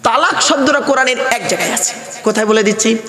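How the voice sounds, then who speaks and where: A man's voice: very high voice, quick pace, bright, forceful tone. A man preaching a waz sermon to a gathering, often asking the crowd questions. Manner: call-and-response, rhetorical questions. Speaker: Islamic preacher. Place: outdoor sermon pandal over loudspeakers. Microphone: handheld PA microphone. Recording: echoey hall, long reverb.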